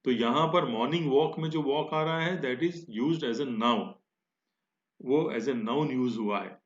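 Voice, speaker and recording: Slow, deliberate male vocabulary teacher. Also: mid-range voice, reverberant, muffled recording. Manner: slow, deliberate example sentences. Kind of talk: vocabulary lesson explaining in Hindi.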